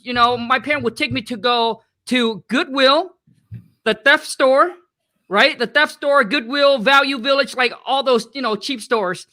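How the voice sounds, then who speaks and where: A man's voice: very high voice, pushed and bright. A man from Vietnam, a guest talking in a casual, slangy, earnest way over a video call. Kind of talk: casual interview storytelling.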